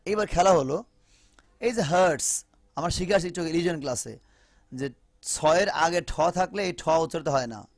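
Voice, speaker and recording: A man's voice: on the high side, normal speed, dry recording, clean studio sound. A man teaching an online phonetics class, repeating example phrases over and over. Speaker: English teacher.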